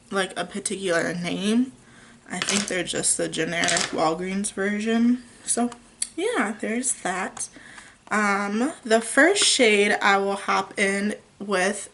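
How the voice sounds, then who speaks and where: A young woman at home, chatting through a makeup tutorial in a casual, unhurried way with frequent ums. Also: mid-range voice, a bit bright. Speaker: beauty vlogger.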